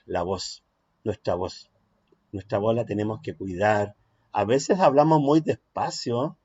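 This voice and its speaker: Mellow-voiced middle-aged man, an emphatic workshop teacher on a dull, lo-fi call mic. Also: medium pitch. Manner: lively, emphatic, with pauses and "¿ya?" check-ins. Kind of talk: online workshop lesson. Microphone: computer mic on a video call. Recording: dull, lo-fi sound.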